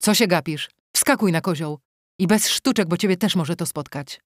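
A steely young widow in a storybook speaks curtly and calmly, her voice low and level, as a woman narrator gives her lines. The recording is close and dry. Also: moderate pace, no echo, lightly acted. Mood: hard. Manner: curt, hard, composed. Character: cool-headed young widow, tough and commanding. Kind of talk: audiobook character voice.

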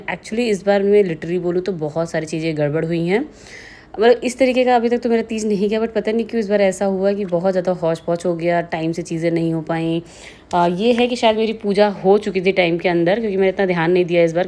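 A woman's voice: on the low side, darkish tone. A young woman chatting casually in a home vlog, slipping English words into her speech. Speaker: vlogger.

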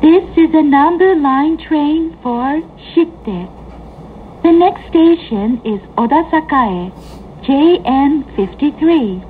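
A woman reading scripted automated train announcements in a formal, deliberate manner. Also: high-pitched, lively intonation. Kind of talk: scripted recorded onboard announcement. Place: train carriage public-address system. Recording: tinny narrow-band train PA, running noise. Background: train ambience.

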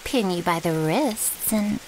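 The audio is poor, with a rain-like hiss throughout. Slowly and expressively, in a mid-range voice, a woman plays a flirty, cheeky thrall devoted to her vampire in an intimate ASMR piece, her casual talk smug and teasing.

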